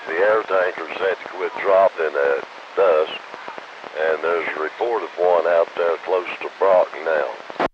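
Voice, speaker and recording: Clear static surrounds a man's deep voice on a crackly walkie-talkie style link. He chats casually, like an operator passing along updates. The sound is dull and lo-fi. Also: fairly even intonation, a little slow. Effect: crackly walkie-talkie style radio transmission. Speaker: amateur radio operator. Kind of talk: casual two-way radio chat.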